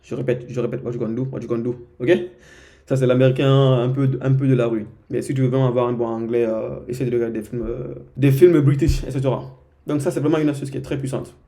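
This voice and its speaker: A man's voice: medium pitch, steady tone, fast talker, mellow. Casual young man giving tips. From Guinea. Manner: informal, repeats himself, many "ok?" asides. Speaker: vlogger giving language tips. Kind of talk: casual direct-to-camera advice.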